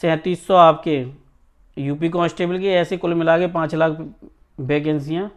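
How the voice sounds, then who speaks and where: A man with a slightly high voice speaks at a moderate pace in a steady tone. He is a coaching teacher sharing exam news with students informally, speaking emphatically and repeatedly checking that they understand.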